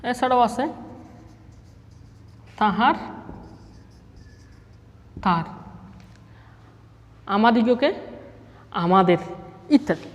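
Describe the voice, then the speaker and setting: A man's voice: extremely high pitch, lively intonation, drawn-out words, long pauses. A male school teacher gives a classroom lecture, reading out word lists item by item and answering his own questions. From Chittagong, Bangladesh. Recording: long reverb of a hard room.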